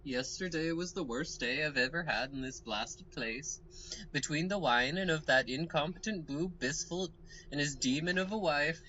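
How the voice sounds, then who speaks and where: A man's voice: fairly high pitch, normal speed, bright, forceful tone, slight background noise. A man reading a game diary as an anxious, cheating man, in a bouncy mock-Swedish accent, on a slightly muffled recording. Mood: fretful.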